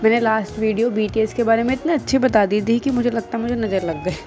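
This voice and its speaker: A woman in her twenties talks fast over music in a fairly high-pitched voice. The vlogger and school teacher chats with viewers in casual Hinglish, self-deprecating and mixing in English phrases.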